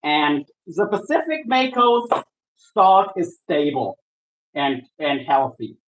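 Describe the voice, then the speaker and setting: A man from Germany, a shark angler chatting casually with viewers while he works, easygoing and halting, often restarting his sentences. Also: on the high side, big pitch swings, a little hiss or hum, rough recording. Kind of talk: casual livestream chat while working.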